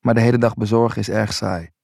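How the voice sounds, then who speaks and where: A man's voice: lowish voice, steady tone, quick pace, gravelly, a little mellow, no room sound, studio quality. A man voicing a teasing, bossy young woman. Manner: playful and commanding.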